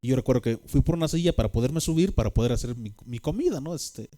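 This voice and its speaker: A man's voice: mid-range voice, lively intonation, quick pace, mellow. A man with a Mexican accent telling a personal testimony, rambling with fillers and tag questions. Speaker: speaker giving a personal testimony.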